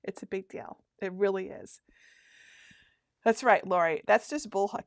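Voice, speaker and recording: Speaking a bit slowly in a mid-range voice, a fifty-something craft workshop host banters with her livestream audience and reads their comments aloud. She laughs often and keeps restarting her sentences. The audio has studio quality and no room sound.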